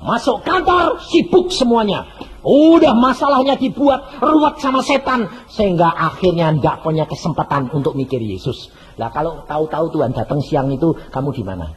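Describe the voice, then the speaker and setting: Animated pastor preaching touches. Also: male voice, moderate pace. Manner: animated preaching, swinging from shouts to low murmurs; acts out dialogue in his stories. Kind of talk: sermon.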